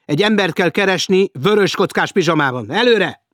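A commanding police inspector who snaps out orders in a raised, forceful voice, as a male narrator acts him out. The tone is husky, and the recording is dry and close, like a crime audiobook. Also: mid-range voice, big pitch swings, no room sound. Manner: barking orders.

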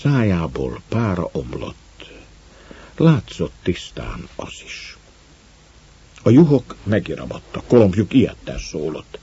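Low husky male audiobook narrator. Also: sing-song, long pauses, dark tone, dull audio.

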